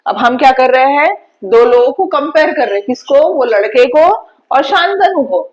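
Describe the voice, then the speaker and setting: A woman's voice: sits high, expressive, normal speed, lo-fi sound. A woman teaching an English grammar lesson in a classroom style, explaining step by step and answering her own questions.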